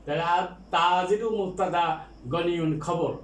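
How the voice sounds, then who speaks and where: A man teaching Arabic grammar in a recorded lecture, explaining slowly and repeating himself with many fillers. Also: high voice, little pitch movement, reverberant, far from the mic. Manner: recites Arabic prayer before the lesson.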